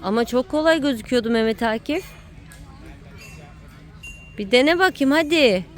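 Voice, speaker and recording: On a noisy outdoor home video, a woman whose voice sits high speaks expressively at a moderate pace. Filming a child playing on the playground, she offers a casual, playful running commentary, cheering and teasing them.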